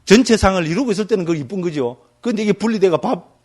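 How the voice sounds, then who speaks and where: A man's voice: high-pitched, fast. A male Buddhist monk giving a doctrine lecture. He keeps checking in with his listeners after almost every phrase and tells graphic examples with sound words. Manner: lively, tags nearly every phrase with a check-in question to the listeners.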